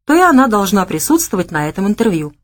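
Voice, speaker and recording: A woman's voice: medium pitch, big pitch swings, quick pace, natural voice. A woman voicing a hearty, effusive middle-aged male general. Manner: warm, effusive.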